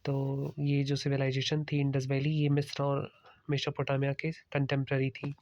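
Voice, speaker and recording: Flat-toned male art history teacher. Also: medium pitch, normal speed, lo-fi sound. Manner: steady explanatory, mixing English terms into Hindi. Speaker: exam prep teacher. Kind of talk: slide-based lecture.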